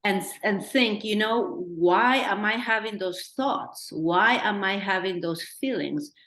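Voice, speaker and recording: A woman's voice: mid-range voice, slow, a bit bright. Peruvian-accented woman, earnest, in an echoey room. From Peru. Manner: earnest, thinking aloud with restarts and acted-out quotes. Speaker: documentary director. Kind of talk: Q&A discussion. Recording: roomy echo.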